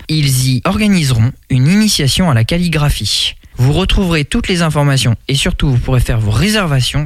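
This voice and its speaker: Male radio host, mid-pitched, reading listings evenly. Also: dry recording. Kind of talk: reading announcements.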